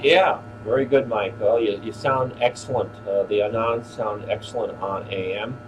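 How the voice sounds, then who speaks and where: Low-voiced older man over a humming background. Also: moderate pace. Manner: courteous, appreciative, uses radio procedure words. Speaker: radio operator hosting an on-air rally. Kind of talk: casual ham radio exchange. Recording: clearly noisy, steady hum.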